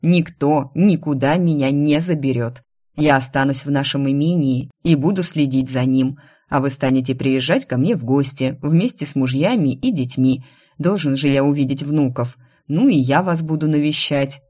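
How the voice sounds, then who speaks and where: A woman voicing a fond, middle-aged father who scolds his daughters gently. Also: rumbling low, normal speed. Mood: mock-stern.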